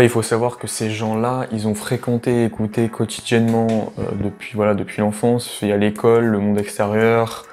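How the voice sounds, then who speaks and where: A man in his late teens with a lowish, darkish voice works as a language tutor, casually explaining things to the listener. He rambles with lots of fillers and restarts, and addresses the listener familiarly as "tu".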